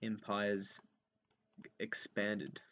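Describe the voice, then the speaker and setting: A young man gives an unscripted history revision lesson while writing notes, thinking aloud with many ums and repeating key points as he jots them down. His voice is fairly low and fairly bright, monotone and extremely slow, with slight background noise.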